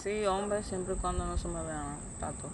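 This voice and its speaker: A woman's voice: lowish voice, moderate pace. Playful Dominican woman, noisy recording. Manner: playful, slangy. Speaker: podcast co-host. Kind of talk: casual bantering chat.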